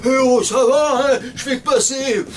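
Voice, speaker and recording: A man doing a whiny, excitable little boy. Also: very high voice, a little slow, distant mic, pitched above the performer's own voice. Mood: cheeky. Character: young schoolboy, cheeky and excitable.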